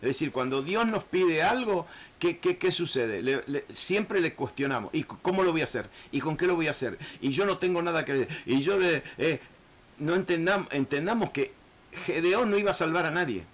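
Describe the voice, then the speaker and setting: A man teaching a Bible lesson in an earnest, halting way, often restarting words and acting out the people in the text. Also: fairly high pitch, expressive. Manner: earnest, repetitive, many hesitations and restarts; acts out biblical speakers in shifting voices.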